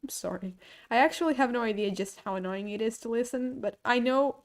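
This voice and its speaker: A young woman with a sick, rough voice, streaming a game and chatting casually as she stutters through her lore theories. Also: on the high side, fast. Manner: stuttering, thinks aloud about game lore. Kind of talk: casual livestream commentary.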